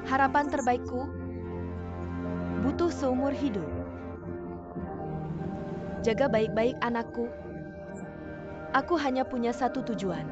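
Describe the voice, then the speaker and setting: A woman's voice: sits high, slow, long pauses, highs cut off, music in the background. A nagging, doting mother. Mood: wistful. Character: overbearing middle-aged mother, doting on her son. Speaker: dub actress. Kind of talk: dubbed TV drama dialogue.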